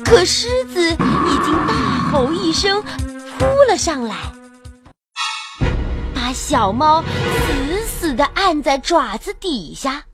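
A woman storyteller reading a children's storybook in an animated, sing-song, expressive way. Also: high voice, slow, over loud music.

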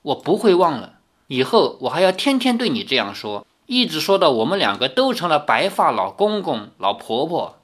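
A devoted young swordsman from an audiobook story, played by a man who drops his voice low and quiet. He murmurs tender promises with lively pitch. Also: normal speed.

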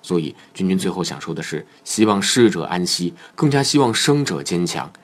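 A man hosting a football commentary show, narrating from a script in a solemn, measured storytelling manner. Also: sits low, sing-song.

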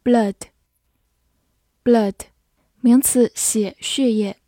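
A woman gives an English vocabulary lesson at a very unhurried pace, spelling words out and saying each one twice. Her voice sits a little high and sounds mellow. The recording is dry and close. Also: dry recording. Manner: slow, careful, spells words and repeats them. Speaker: English teacher.

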